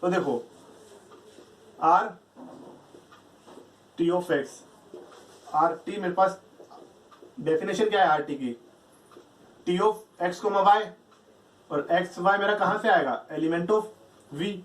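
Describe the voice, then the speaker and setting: A man with a high voice lectures on math, walking through each step and answering his own questions. He sounds set back from the mic. The room around him is echoey. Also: very slow, pauses often, recorded from a distance, slight background noise. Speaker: math teacher.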